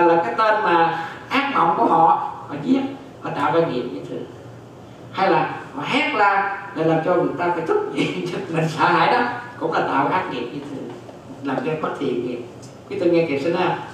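Monk teaching dharma, high animated voice, heavy echo from a distant mic. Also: male voice, a little hiss or hum. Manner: keeps checking that listeners follow, repeats phrases. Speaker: Buddhist monk teaching Abhidhamma. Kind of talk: dharma lecture. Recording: very echoey hall, distant mic.

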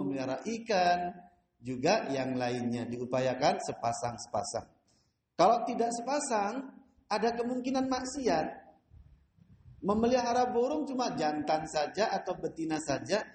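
Man, Islamic preacher, high-pitched, animated storytelling, echoey mosque room. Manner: animated storytelling, laughs often, mimics voices. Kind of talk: mosque study lecture.

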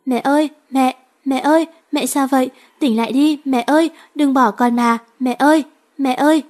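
A woman's voice: moderate pace, darkish tone. A woman reading aloud and voicing a frightened little girl who pleads through tears. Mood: panicked. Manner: high, pleading cries. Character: little girl, frightened and crying for her mother.

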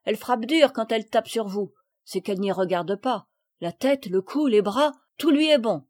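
A woman's voice: animated, moderate pace, dry recording, clean studio sound. A woman voicing a blunt, scolding old peasant woman who works as a gardener, with rustic country speech. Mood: chatty. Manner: loud, scolding, high-pitched.

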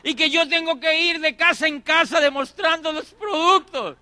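A man's voice: very high voice, normal speed, sharp tone, dry recording. A middle-aged man giving a motivational talk, acting out conversations and repeating phrases for emphasis. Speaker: motivational speaker. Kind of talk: motivational talk with acted anecdotes.

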